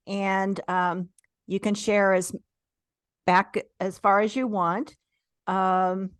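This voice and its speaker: A woman with a mid-range voice hosts a podcast interview, introducing her guest and asking friendly, encouraging questions. The recording is dry, with clean studio sound.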